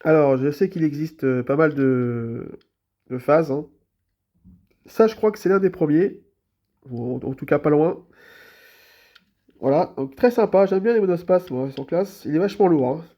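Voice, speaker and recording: With a fairly high, mellow voice, a man who has a cold and a stuffy nose chats at a normal speed about his toy car collection for a show-and-tell vlog. He pauses often, and his relaxed manner is riddled with hesitations and repeated fillers.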